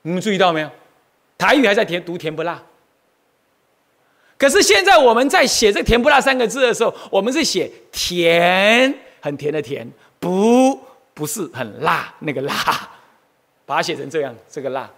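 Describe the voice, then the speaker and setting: A Buddhist monk from Taiwan lectures on the history of Buddhism in a high-pitched voice at a normal pace. He's animated throughout, frequently exclaiming and putting questions to his audience.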